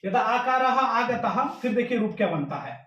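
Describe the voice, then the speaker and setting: A man with a high voice explains grammar step by step. He poses questions and answers them, and slows down to recite rules syllable by syllable. He sits some way off the mic in an echoey room. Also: a bit bright, far from the mic, lo-fi sound. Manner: asks and answers his own questions. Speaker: Sanskrit grammar teacher.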